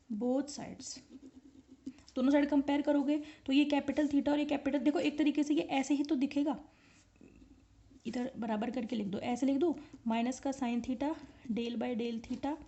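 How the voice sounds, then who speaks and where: A woman's voice: high voice, dark tone, dull audio. A woman teaching an online physics lecture, explaining step by step and often checking whether students follow. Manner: explains step by step and keeps asking the class if they follow.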